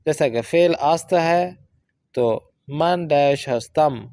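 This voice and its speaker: A man teaching a Persian course, explaining exercises and reading example sentences out slowly and carefully. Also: on the high side, a little mellow, no room sound. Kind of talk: language lesson explaining book exercises.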